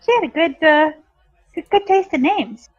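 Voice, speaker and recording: A woman's voice: very high-pitched, lively intonation, normal speed, highs cut off, pitched above the performer's own voice. A woman voicing an eager, awestruck young adventurer who gushes with praise. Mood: gushing. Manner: effusive, eager.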